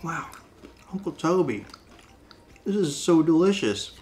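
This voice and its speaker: A man's voice: fairly high pitch, very animated, a little slow, darkish tone. A man co-hosting a snack taste-test video in casual chat, joking and laughing often. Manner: playful, laughs often, jokey.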